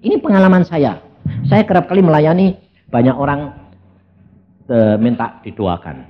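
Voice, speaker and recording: A male preacher with a Javanese accent tells stories in a sermon, full of humor and turning often to the congregation. His voice sits fairly high and rises and falls with lively energy. The church recording sounds a little muffled. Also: moderate pace. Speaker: evangelist preacher.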